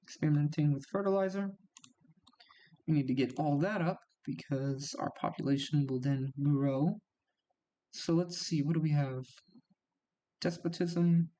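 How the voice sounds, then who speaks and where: A man's voice: on the high side, dark tone. A man casually commenting as he plays a strategy game, reacting aloud with small gasps and laughs as things happen. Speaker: gaming YouTuber.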